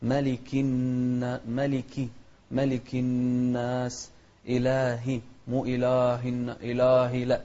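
A man gives a patient recitation lesson, darting through explanations and then slowing to chant each example carefully. His voice is soft and mellow, captured on a dull, lo-fi recording. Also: medium pitch, monotone. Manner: patient, demonstrates pronunciation with slow chanted examples and quick explanations. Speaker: Quran recitation teacher.

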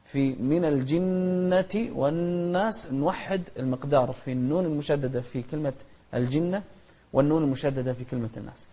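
A man gives a patient recitation lesson, darting through explanations and then slowing to chant each example carefully. His voice is soft and mellow, captured on a dull, lo-fi recording. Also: fairly high pitch. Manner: patient, demonstrates pronunciation with slow chanted examples and quick explanations. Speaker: Quran recitation teacher.

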